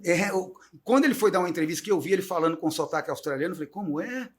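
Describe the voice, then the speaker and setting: A middle-aged man chats as a guest teacher on a talk show. He tells stories in a lively, talkative way. His voice sits slightly higher than most men's. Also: racing. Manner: animated, chatty storyteller. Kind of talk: casual talk-show conversation.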